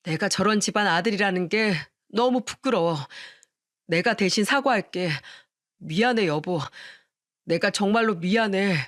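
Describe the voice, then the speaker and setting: A woman's voice: medium pitch, normal speed, lightly acted. A woman voicing an earnest husband in a radio story, speaking firmly and pleadingly to his mother and his wife. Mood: tender, apologetic. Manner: firm and pleading, then tender.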